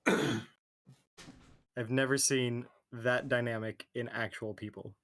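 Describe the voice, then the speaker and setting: Guy on a gaming stream, dry amused comments, middle pitch, casual chat. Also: fairly even intonation, slow pace, fairly bright tone.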